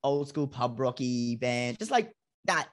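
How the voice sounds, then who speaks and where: A young man with an Australian accent talks loosely and chattily, poking fun at himself as he tells stories. His pitch sits in an ordinary middle range for a man. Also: expressive, measured pace. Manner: chatty, self-mocking storyteller. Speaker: band member. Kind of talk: casual interview chat.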